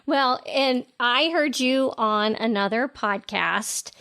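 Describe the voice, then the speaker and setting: A middle-aged woman hosting a podcast, introducing a guest and asking questions in a measured, deliberate way. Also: fairly high pitch, bright, forceful tone. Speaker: podcast host. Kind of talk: scripted intro and interview questions.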